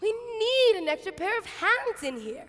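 A young woman plays a harried, exasperated hostess ordering her kitchen about in a stage monologue. The voice is very high and girlish, with exaggerated theatrical intonation and an unhurried, drawn-out pace. It rings in a large auditorium. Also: very animated, full character voice. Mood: frantic, exasperated. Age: teens to young adult. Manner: exaggerated, theatrical intonation, swinging from hushed asides to shouts. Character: flustered, bossy Martha, harried biblical kitchen hostess, exasperated with sister. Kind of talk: dramatic monologue, expressive stage reading.

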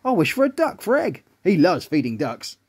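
A man's voice: high-pitched, wildly swooping pitch, normal speed, a little mellow, breathy edge, heavily acted. A man voicing an eager young male milk carton who loves magic in a children's story. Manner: earnest, happy.

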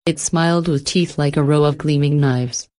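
A woman narrating a horror story script in a steady, measured storytelling manner. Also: deep voice.

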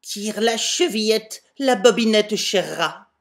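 A man voicing a sly big bad wolf who fakes a grandmother's voice, slow and falsely sweet, on a webcam. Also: high-pitched, vocal fry, fairly bright tone, full character voice. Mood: sweet-talking.

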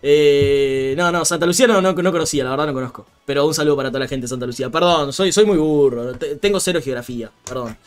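A man's voice: on the high side, quick pace, few pauses. A young man with a Rioplatense Spanish accent, chatting casually about football on a live stream, laughing often and reading out viewer comments.

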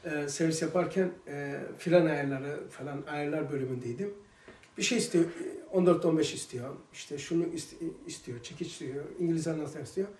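Recorded far off in an echoing room, this religious study teacher has a fairly high voice and keeps a moderate pace. His lesson comes across as lively storytelling punctuated by emphatic outbursts.

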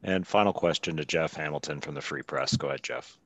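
A man's voice: rumbling low, a little fast, a bit bright. A man moderating a press conference, making short, routine handoffs to reporters. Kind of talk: brief announcements.

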